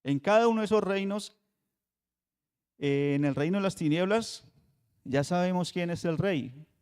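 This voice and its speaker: A man preaching a Bible study sermon, with rhetorical questions and emphatic pauses. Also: high-pitched, darkish tone, clean tone. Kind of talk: radio sermon teaching. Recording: long hall reverb.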